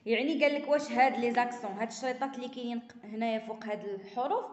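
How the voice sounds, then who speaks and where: A Moroccan woman teaching a primary-school French lesson. She reads French slowly and explains it in Moroccan Arabic. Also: fairly high pitch, echoey room, big-room sound, lo-fi sound. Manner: reads French sentences slowly, then explains them quickly in Darija.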